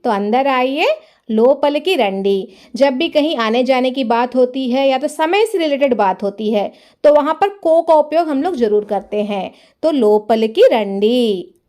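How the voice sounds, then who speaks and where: A woman teaching as a language teacher, repeating each phrase slowly and clearly and explaining patiently. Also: high voice, a little mellow. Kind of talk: slow, careful language lesson.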